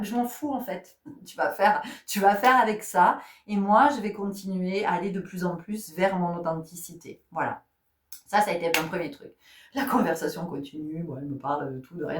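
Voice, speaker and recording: A woman in a casual vlog who tells stories in a chatty way, with many fillers and restarts. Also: mid-range voice. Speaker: spiritual guide and vlogger. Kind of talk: casual chat. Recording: roomy sound from a distant mic.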